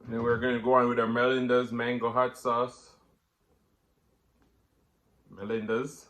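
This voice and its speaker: A man's voice: mid-range voice, completely flat delivery, brisk, a bit bright. A man giving casual mukbang commentary while eating, talking between bites with savoring hums. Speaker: mukbang host.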